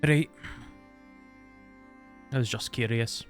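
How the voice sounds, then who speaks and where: A man's voice: mid-range voice, takes it slowly, soft background music. A man playing a tabletop role-playing game, speaking casually in character with a tentative, wavering character voice.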